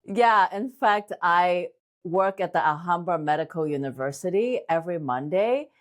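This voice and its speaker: A woman's voice: lowish voice, expressive, normal speed. A woman acupuncturist speaking as an interview guest and giving upbeat, encouraging advice. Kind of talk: interview talk.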